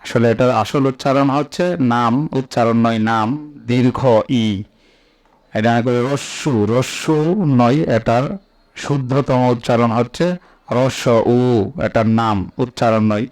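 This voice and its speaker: A man teaching as he recites each item slowly and enunciates it carefully, with explanations in between. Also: mid-range voice, steady tone. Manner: slow, deliberate, enunciating each letter. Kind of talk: slow instructional recitation.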